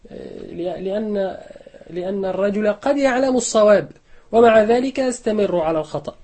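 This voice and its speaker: A sheikh explains points of fiqh in a mellow, warm voice. He speaks in a measured way, repeating each key ruling and reciting short examples. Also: high-pitched. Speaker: sheikh teaching Shafi'i jurisprudence.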